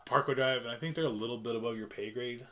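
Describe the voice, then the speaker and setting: A man's voice: mid-range voice, fast talker, a bit bright. A man co-hosting a podcast in casual chat, teasing and laughing. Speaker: podcast co-host.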